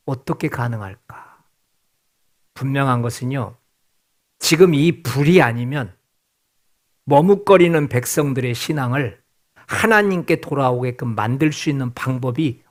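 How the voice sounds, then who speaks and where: Questioning Korean pastor, higher-pitched man. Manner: asks the congregation questions and answers them, drawing out key words slowly. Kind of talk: sermon. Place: church sanctuary.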